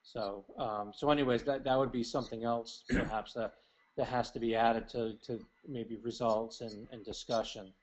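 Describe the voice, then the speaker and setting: A man giving feedback as an academic thesis advisor, measured and halting, repeating phrases for emphasis. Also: mid-range voice, steady tone. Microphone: remote call. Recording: dull call audio with noticeable noise.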